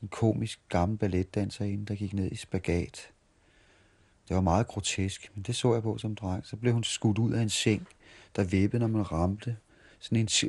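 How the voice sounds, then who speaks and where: Man in his 40s from Denmark, somewhat low voice, rambling anecdotal interviewee who stumbles and restarts. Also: a little mellow, breathy edge. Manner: halting, repeats and restarts words while reminiscing. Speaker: street performer interviewee. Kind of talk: storytelling interview.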